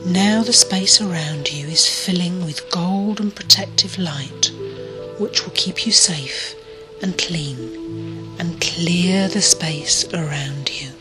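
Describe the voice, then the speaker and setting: A woman leading a guided meditation in a soft, soothing voice that often drops to a breathy near-whisper. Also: lowish voice, slow pace. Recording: clear music bed behind the voice.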